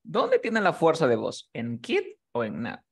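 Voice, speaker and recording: A man's voice: fairly high pitch, wildly swooping pitch, a little slow, gravelly, husky. A man teaching a class, explaining rules patiently and often checking that his student has understood. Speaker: English teacher.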